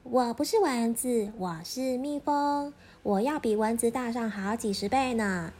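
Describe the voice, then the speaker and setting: A woman's voice: on the high side, unhurried, warm tone. A woman voicing a small polite bee in a children's story.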